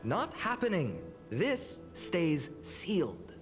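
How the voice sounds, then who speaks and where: Boyish, very animated village lad. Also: female voice, fairly low pitch, slow pace, music in the background, exaggerated voice. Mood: wry, dismissive. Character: boyish young village lad, playful and a bit embarrassed. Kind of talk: game voice acting.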